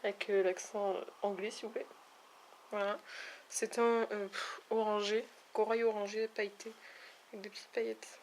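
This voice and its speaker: A woman's voice: mid-range voice, little pitch movement, moderate pace, slight background noise. A woman reviewing a makeup palette in a casual vlog, talking in a hesitant, chatty way with many fillers. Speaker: beauty vlogger. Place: at home, near a window with backlight.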